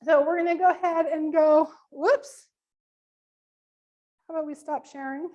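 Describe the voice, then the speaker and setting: A woman's voice: sits high, steady tone, quick pace, dull audio. A woman presenting a live business workshop online, chatty and loose with lots of ums, losing her voice. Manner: casual, many ums, friendly instructions.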